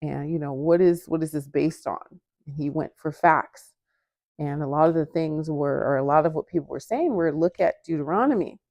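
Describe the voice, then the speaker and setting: A woman in a home kitchen telling a story while baking, talking casually to the camera in front of her, lively, acting out quoted voices with jumps in pitch. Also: normal speed, no echo, clean studio sound. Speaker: vlogger.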